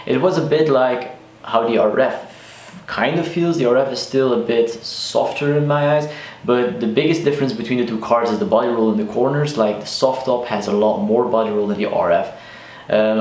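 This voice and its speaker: A man in his twenties from Flanders with a Flemish accent, Dutch as his first language, chatting casually to camera as a car vlogger with lots of likes and restarts. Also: mid-range voice. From Belgium, Flanders. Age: 20s. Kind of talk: casual vlog talk to camera. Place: sparsely furnished room in a new house. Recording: echoey bare room.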